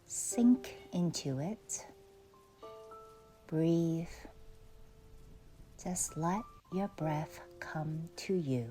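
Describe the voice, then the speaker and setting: A woman guides a meditation softly and soothingly, taking her time with long pauses and often trailing off into breath. Her voice is low-pitched yet animated, with faint music underneath.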